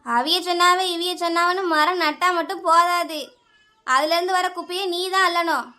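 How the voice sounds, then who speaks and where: A woman's voice: very high voice, moderate pace, sharp tone. A woman voicing a fed-up, quarrelsome neighbour with a Kanyakumari Tamil accent, scolding and complaining.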